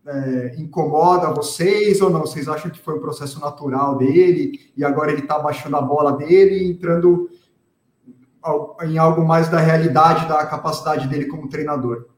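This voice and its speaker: A man with a moderately high voice poses a question to the panel, hesitating and restarting often. The recording sounds roomy and echoey. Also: steady tone, moderate pace. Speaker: podcast panelist. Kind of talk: casual football debate.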